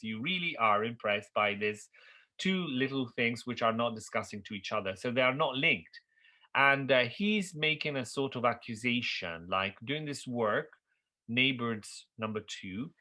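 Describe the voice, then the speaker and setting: A man's voice: mid-range voice, pushed and bright. A middle-aged man whose first language is Italian, giving a university lecture on architecture history, thinking aloud with fillers and checking in with "okay?".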